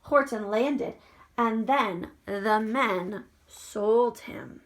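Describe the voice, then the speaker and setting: A woman, a first grade teacher, reading a storybook expressively to young children, with dramatic delivery and hushed asides. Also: fairly high pitch, extremely slow. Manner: animated, dramatic, drops into hushed whispered asides.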